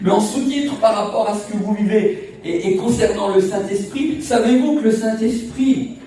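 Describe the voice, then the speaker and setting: A man in his sixties, originally from Portugal, delivers a sermon in a strikingly high voice. He builds his points through emphatic repetition in a preacher's cadence. The sound comes from a distance, with heavy church echo around every word. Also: normal speed, warm tone, slight background noise. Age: 60s. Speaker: evangelist preacher. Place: church sanctuary. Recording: echoey church from far off.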